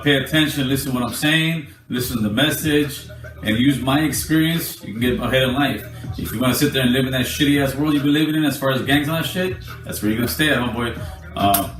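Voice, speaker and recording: A man's voice: medium pitch, fairly bright tone. Forties male vlogger, preachy and blunt; off-mic in an echoey room with faint music. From Los Angeles area. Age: 40s. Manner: blunt, preachy street talk, calls the viewer "homeboy". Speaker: YouTuber. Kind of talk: direct-to-camera vlog. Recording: roomy, distant clip with faint music.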